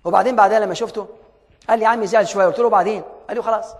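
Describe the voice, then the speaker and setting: Man, Egyptian accent, motivational coach, rapid-fire rhetorical questions, long hall reverb. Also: high voice, steady tone. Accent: Egyptian Arabic. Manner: rapid, repeats points, asks rhetorical questions, acts out dialogues. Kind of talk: motivational talk.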